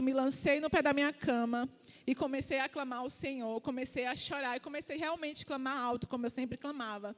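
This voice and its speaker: A high-pitched, middle-aged woman with a Brazilian accent delivers an emotional testimony in church, fervent and climbing toward near-shouts at her strongest moments. Her voice rings out with a long reverb trailing through the hall. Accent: Brazilian Portuguese. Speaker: church member giving testimony.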